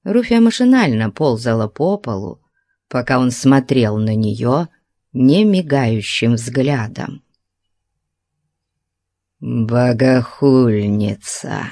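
Slow, low-voiced woman narrator. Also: big pitch swings, mellow, dry recording, studio quality. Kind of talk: scripted story narration.

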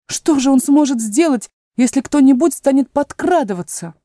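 A woman's voice: high-pitched, animated, moderate pace, warm tone, no echo, clean studio sound, pitched above the performer's own voice. A woman voicing a curious, polite young girl in a storybook reading, asking earnest questions. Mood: excited.

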